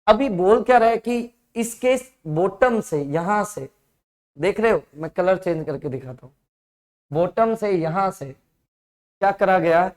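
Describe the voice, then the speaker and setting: A male physics teacher with an Indian accent, explaining exam problems step by step in an online lesson and checking often whether his students follow. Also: sits high.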